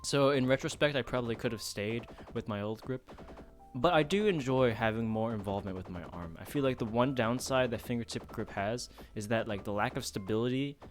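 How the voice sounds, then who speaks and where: Soft background music accompanies a man streaming his gaming session, chatting informally and making light of himself. His voice sits at medium pitch, and he speaks fairly quickly.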